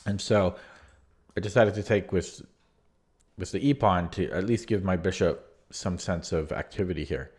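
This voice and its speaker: A chess channel host reviews a game he played, reading from his notes in a casual, relaxed and candid way. He's losing his voice, and his deep delivery at a moderate pace is hesitant, with many restarts.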